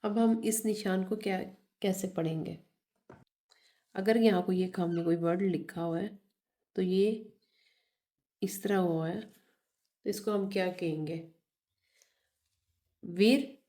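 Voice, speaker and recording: A woman's voice: medium pitch, fairly even intonation, takes it slowly, long pauses, mellow. A woman teaching a beginner Italian lesson, spelling out and repeating words. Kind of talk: slow language lesson.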